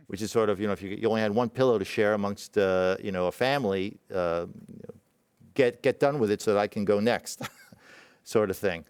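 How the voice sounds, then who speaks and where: A middle-aged man born in Israel tells a personal story in a talk, halting and reflective, with many fillers and restarts. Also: lowish voice, a little mellow, clear, resonant tone, dry recording. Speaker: presenting physician.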